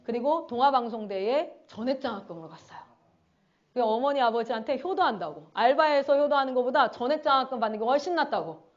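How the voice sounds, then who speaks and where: A woman's voice: high-pitched, expressive, quick pace, dull audio. A woman missionary giving a conference sermon, telling stories animatedly and acting out her students' voices. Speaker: missionary speaker.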